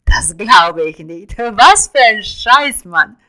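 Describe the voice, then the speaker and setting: Hotheaded young male musician, read by a woman; loud, agitated, high-pitched. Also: expressive, slow pace, heavily acted, low-quality recording. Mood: indignant.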